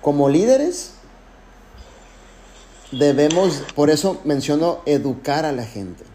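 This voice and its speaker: A man's voice: fairly high pitch, expressive, takes it slowly, warm tone, a little hiss or hum. A man who leads a network marketing team, giving an emphatic motivational talk full of anecdotes and direct address.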